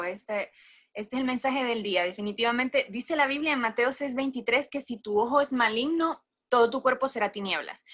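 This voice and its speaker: A woman's voice: high voice, pushed and bright. Woman host quoting scripture. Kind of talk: interview hosting with Bible quotes.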